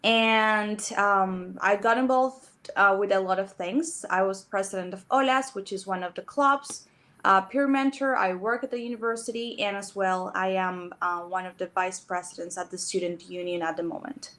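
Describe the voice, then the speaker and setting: A woman's voice: mid-range voice, fairly even intonation, moderate pace, fairly bright tone. Young woman from Colombia on a panel. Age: young adult. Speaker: student panelist.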